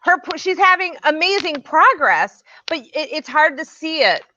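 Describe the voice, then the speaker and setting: A woman business coach chats animatedly on a live panel, scattering "like" and "you know" through her talk. Her voice is bright and fairly high. It comes through dry and close, over slightly dull, muffled stream audio. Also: normal speed, dry recording. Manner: chatty, animated, repeats fillers like "like" and "you know". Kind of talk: casual panel chat.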